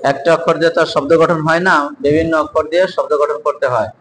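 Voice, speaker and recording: A man teaching an evening Quran reading class, patiently drilling each letter slowly and calling on students to repeat after him. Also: a little high, fairly even intonation, fairly bright tone, a little hiss or hum, rough recording.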